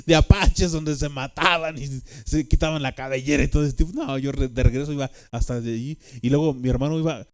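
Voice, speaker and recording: A man with a Mexican accent shares a personal testimony at a normal speed in a voice on the high side. He rambles, leaning on fillers and tag questions.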